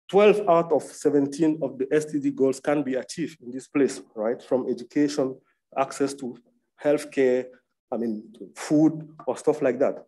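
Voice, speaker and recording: A man's voice: mid-range voice, warm tone, breathy edge, rough recording. A man from Cameroon moderating an academic panel and presenting slides in a conversational way, often adding tag questions, over a video call.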